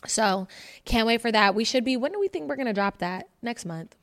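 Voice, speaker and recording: A woman's voice: on the high side, animated, brisk. A woman in her thirties from the Bay Area, co-hosting a podcast in blunt, slangy casual chat. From San Francisco Bay Area, US. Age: 30s. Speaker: podcast co-host.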